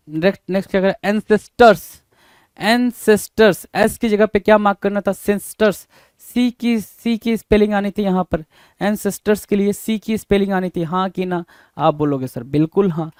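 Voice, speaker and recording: Man, exam spelling teacher, repetitive rhetorical questions, high pitch, dry close sound. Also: a little mellow, clean tone, dry recording. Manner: repetitive, rhetorical questions, calls students "bhai". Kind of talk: exam prep lesson, spelling out words letter by letter.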